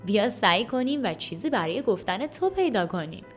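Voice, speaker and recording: A patient school headmaster read by a woman in her own voice speaks with gentle encouragement. The tone is calm and warm-hearted, as in a storybook reading. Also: medium pitch, faint music behind, lightly acted. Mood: encouraging. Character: kind patient elderly male school headmaster.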